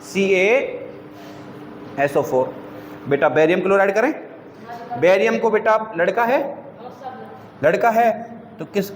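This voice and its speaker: Male teacher, high pitch, quizzes class nonstop; long reverb in the room. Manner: quizzes students with repeated questions, calls them beta.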